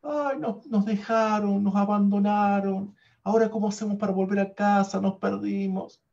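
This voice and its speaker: A man's voice: steady tone, moderate pace, creaky, darkish tone, far from the mic. A man doing a frightened crying little girl. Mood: tearful. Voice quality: high and whimpering. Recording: dull lo-fi recording.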